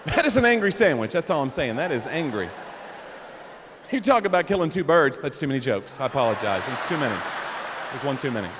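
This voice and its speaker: Animated man doing stand-up. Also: mid-range voice, brisk. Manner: animated, jumps into loud shouted character bits. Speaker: stand-up comedian. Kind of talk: stand-up comedy set. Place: comedy club stage. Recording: live room with long reverb, faint crowd noise.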